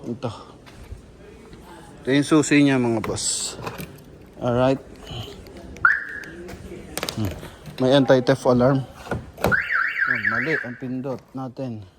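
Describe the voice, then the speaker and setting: A man with a Filipino accent giving a casual walkaround sales pitch on a car lot, chatting to viewers and calling them "boss". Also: steady tone, slow pace, pauses often, very noisy. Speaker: used car sales presenter.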